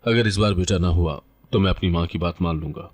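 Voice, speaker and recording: A man's voice: deep voice, fairly quick. A man voicing a cold, angry young husband who speaks with contempt. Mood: bitter. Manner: bitter, contemptuous.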